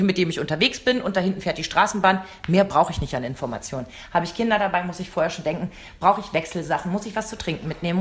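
A woman co-hosting a casual chat podcast, telling lively anecdotes and laughing often. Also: on the low side. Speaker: podcast co-host.

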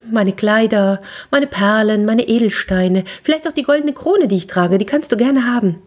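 A woman's voice: on the high side, normal speed, pitched above the performer's own voice, close to an everyday voice. A woman playing an eager, spoiled young princess. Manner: eager, breathless, promising.

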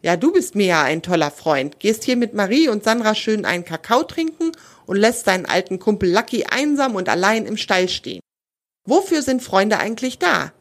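A woman's voice: medium pitch, big pitch swings, normal speed. A woman reading the part of a greedy, sulky male talking magic pony in a children's story, with a reproachful, wheedling manner.

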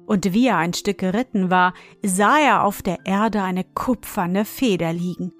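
A woman narrating a fairy tale in a calm, measured storytelling manner. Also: medium pitch, faint music behind.

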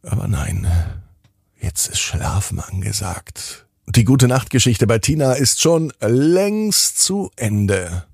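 A man's voice: mid-range voice, big pitch swings, slow, creaky, darkish tone, breathy edge, no room sound, studio quality. A man narrating a children's bedtime story in a soothing, lilting way.

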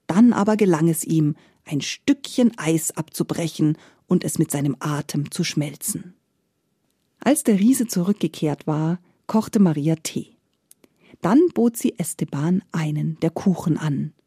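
A woman storyteller reading a fairy tale in a slow, soft, expressive way. Her voice sits a little low, mellow and husky-breathy, and the recording is dry and close. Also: no room sound.

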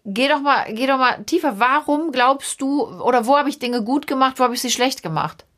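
Teasing, probing woman with a higher voice. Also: expressive, normal speed, fairly bright tone. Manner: probing, teasing, pushes for answers. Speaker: podcast host and mother. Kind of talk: casual podcast chat.

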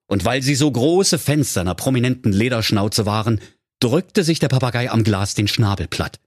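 Husky low-voiced comic storyteller man. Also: dry recording, clean studio sound. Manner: ironic, playful. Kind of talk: comic fairy-tale narration.

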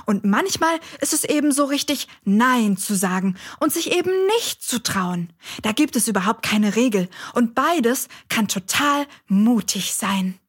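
Casting: a caring, curious girl with a slightly high, breathy voice. Children's radio play. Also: expressive, unhurried, hardly any pauses. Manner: curious, supportive questioning. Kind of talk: children's audio drama acting.

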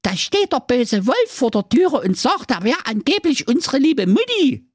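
A man's voice: big pitch swings, normal speed, no echo, clean studio sound, full character voice. A man voicing the smallest of seven little goat kids, a cheeky, foul-mouthed youngster blurting out a wild confession in a comic tale. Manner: squeaky, brash, rattling off a wild confession. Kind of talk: comic storytelling.

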